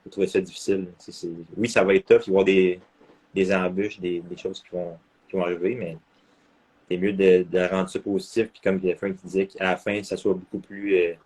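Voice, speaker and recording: A man with a Quebec French accent speaks bluntly in a casual chat. His voice is low and husky, and he slips English phrases into what he says. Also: little pitch movement, fairly quick, darkish tone, low-quality recording.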